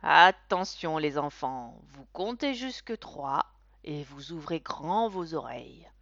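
A woman voicing an eerie, calm magical clown who speaks slowly and deliberately. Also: low voice, vocal fry, no echo, full character voice. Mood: teasing. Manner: slow, drawn-out and deliberate. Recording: dull, dry recording.

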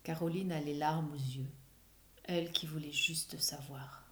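A woman narrating a children's story aloud, expressive, dropping to a near whisper in quiet passages. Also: sits low, a little slow, roomy sound.

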